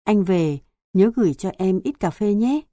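A woman voicing a sad young country boy who asks softly and plaintively in an audiobook story. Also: medium pitch, lively intonation, a little slow, no echo, studio quality, natural voice. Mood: wistful.

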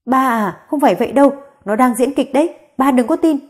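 Woman voicing a bitter middle-aged stepmother, harsh, quick, warm low tone. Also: expressive, natural voice. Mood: desperate.

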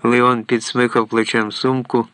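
A man narrating an audiobook in a measured storytelling way. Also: medium pitch, little pitch movement, pushed and bright, no echo.

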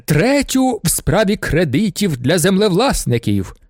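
A man's voice: high-pitched, very animated, a little slow, darkish tone, no room sound, clean studio sound, voice pushed up, heavily acted. A man voicing a sentimental prince in an audiobook, making a grand, rousing speech to his guests. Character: overjoyed, sentimental older male prince, orator. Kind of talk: audiobook character voice.

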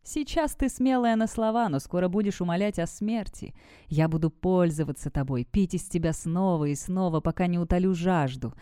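A woman's voice: on the low side, moderate pace, dark tone, clear, resonant tone, dry recording, clean studio sound, natural voice. A woman voicing a cruel, sneering male vampire master in an audiobook. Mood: menacing. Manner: taunting, sneering.

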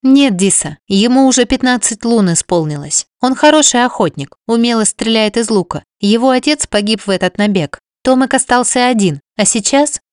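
A woman's voice: a little high, lively intonation, normal speed, hardly any pauses, no echo, studio quality, pitched above the performer's own voice, natural voice. A woman voicing an anxious, caring young servant girl who speaks in a worried, pleading way.

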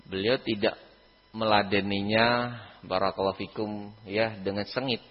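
A man giving a lively religious lesson in a mosque, keeps repeating a pious filler phrase, on a reverberant, dull recording. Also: on the low side, unhurried. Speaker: Islamic teacher.

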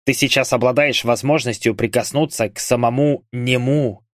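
A man voicing a soldier who is the unit's loud, teasing prankster, playing to the room. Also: mid-range voice, steady tone, moderate pace, no room sound, studio quality, lightly acted.

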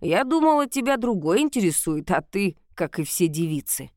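A woman voicing an old, grumbling village witch who tells fortunes in a gruff, slow, mocking way. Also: mid-range voice, sing-song, a little mellow, no echo, clean studio sound, close to an everyday voice. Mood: stern.

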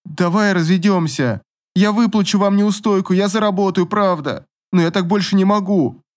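Distraught young wife, high and tearful, pleading, read by a male narrator. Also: lively intonation, brisk, a little mellow. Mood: sobbing. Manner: pleading, sobbing.

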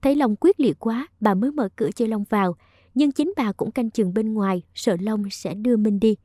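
A woman narrates a romance audiobook with an emotive, storytelling delivery. Her voice is fairly high yet soft and mellow, recorded close with a dry sound. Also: normal speed, no echo.

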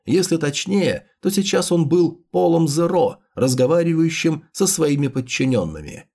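A man's voice: fairly high pitch, lively intonation, normal speed, warm tone. Male narrator reading fantasy fiction. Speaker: audiobook narrator.

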